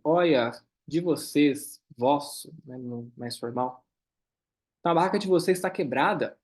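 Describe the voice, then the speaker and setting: A man teaching a German class, reading lines slowly and then explaining them quickly. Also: a little high. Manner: switches between slow careful German and quick explanations. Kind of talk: online class, reading dialogue and translating.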